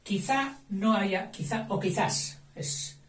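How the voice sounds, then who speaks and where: A man giving a slow spelling dictation, breaking words into syllables and spelling out letters, recorded from a distance in a noisy, roomy space. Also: high voice, fairly bright tone.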